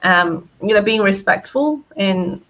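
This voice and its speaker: A woman's voice: mid-range voice, animated, a little slow, a bit bright. A woman answering audience questions as a guest speaker on a live stream, cheerful, laughing often and using many fillers. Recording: dull lo-fi stream audio.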